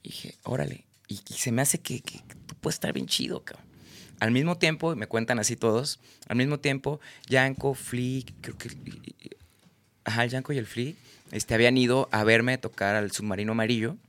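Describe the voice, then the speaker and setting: A man's voice: mid-range voice, normal speed, fairly bright tone. A man with a Mexican accent, a singer-songwriter guest telling rambling, slangy anecdotes and acting out his friends' lines. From Tabasco, Mexico. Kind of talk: casual storytelling interview.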